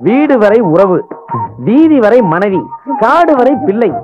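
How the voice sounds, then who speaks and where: An actor playing a sly, preachy friend in a Tamil film comedy, speaking with mock pomp. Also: male voice, very high voice, animated, slow pace, full character voice. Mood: mock-solemn. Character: preachy, sly comic friend spouting scripture about friendship. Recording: dull lo-fi film audio, music behind.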